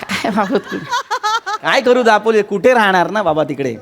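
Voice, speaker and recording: A man's voice: sits high, animated, moderate pace, a bit bright. Whiny, pleading Marathi comic man. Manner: whiny, pleading, repeats "baba". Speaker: comic actor in a sketch. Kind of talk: stage comedy sketch. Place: television studio stage.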